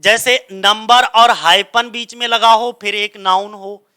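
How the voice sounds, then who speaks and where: A high-pitched male teacher, explaining grammar rules to a class. His voice is bright and clear, and he keeps putting a question to the room and answering it himself. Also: fairly even intonation, unhurried. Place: coaching centre classroom.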